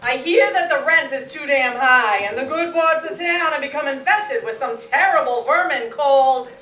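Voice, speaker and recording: Brisk, wry spy informant female actor for radio comedy; high voice, a little off-mic in a roomy space. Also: pushed and bright, distant mic. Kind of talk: comic stage radio play. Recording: echoey, off-mic stage sound.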